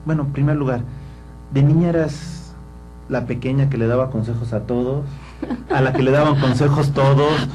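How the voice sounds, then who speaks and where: A man's voice: mid-range voice, steady tone, normal speed, a little mellow, a little hiss or hum, rough recording. A man hosting a talk show, asking questions with curiosity and a playful teasing edge. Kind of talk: interview questions.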